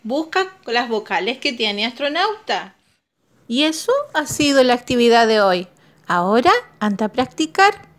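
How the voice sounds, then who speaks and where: A woman's voice: a little high, big pitch swings, unhurried, a bit bright. A woman teaching young children a phonics lesson, drawing out each vowel sound and asking encouraging questions.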